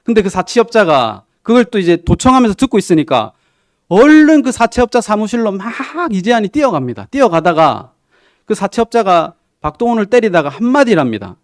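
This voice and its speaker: A man's voice: high-pitched, big pitch swings, fairly quick, dry recording, studio quality. A man who is a pastor, preaching a sermon in a conversational storytelling way and asking the congregation questions. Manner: storytelling, retelling a TV drama with quoted lines. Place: church sanctuary.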